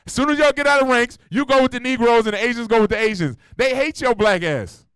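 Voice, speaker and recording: A man's voice: extremely high pitch, fast talker, a bit bright, clear, resonant tone, no echo. A male preacher delivering a blunt, slangy sermon, swearing and throwing rhetorical questions at his congregation. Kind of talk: street-style sermon. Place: church meeting hall.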